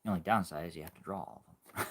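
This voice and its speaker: Man in his forties, deep low voice, casual livestream host, halting and musing, faint hum behind. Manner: halting, musing, trails off softly. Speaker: animator hosting a livestream.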